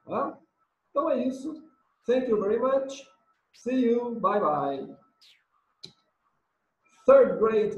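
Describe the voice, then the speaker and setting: A man's voice: high voice, a little mellow, roomy sound, low-quality recording. A man teaching children English, going over homework and drilling words by repeating them and explaining each in another language. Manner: switches between English words and Portuguese explanations, drills repetition. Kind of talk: recorded homework correction lesson.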